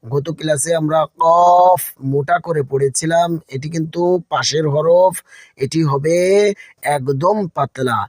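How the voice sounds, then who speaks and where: A male Quran teacher with a slightly high voice, recorded close and dry with no room sound. He talks patiently and says each point twice. He speaks to his listeners warmly as friends. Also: fairly even intonation, measured pace, dry recording.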